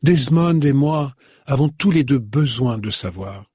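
Quiet unsure woman, a man reading her, husky, dry. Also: mid-range voice, lively intonation, unhurried, no echo. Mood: calm. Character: calm, hesitant grown woman.

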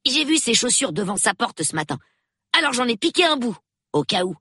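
Brief: cheeky, high-pitched boy voiced by a woman for an audiobook, quick and eager. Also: sing-song, bright, forceful tone, slightly rough, dry recording, clean studio sound, exaggerated voice. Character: cheeky, excited young boy. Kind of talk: audiobook reading.

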